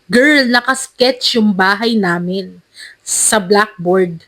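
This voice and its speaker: A woman co-hosting a podcast, telling a story in a lively, animated way. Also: mid-range voice, slow pace. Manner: animated, lively storyteller who acts out quotes. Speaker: podcast co-host. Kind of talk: casual storytelling chat.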